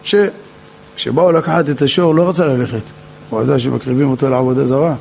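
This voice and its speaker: A male rabbi, telling a Torah story in an animated way, acting out the quotes and adding humorous asides. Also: mid-range voice, vocal fry, a little hiss or hum.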